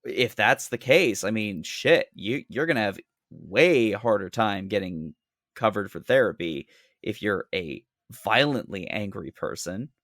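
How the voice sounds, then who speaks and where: A man's voice: lowish voice, expressive, unhurried, gravelly, fairly bright tone, dry recording, clean studio sound. A man co-hosting a casual podcast, blunt and sarcastic, swearing freely. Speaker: podcast co-host.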